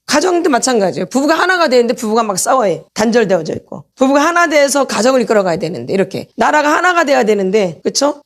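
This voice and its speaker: A woman pastor preaching a sermon, quoting scripture slowly and asking her listeners questions again and again. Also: fairly high pitch. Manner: asks the congregation constant questions. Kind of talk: sermon teaching. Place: church meeting hall.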